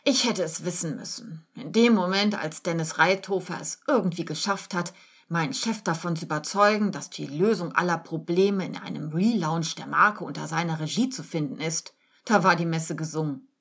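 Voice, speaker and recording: A woman reading aloud gives voice to a dramatic young office worker in a storybook tale. She complains in a raised, whiny, indignant rush, her tone husky and breathy. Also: lowish voice, moderate pace. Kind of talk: audiobook character reading.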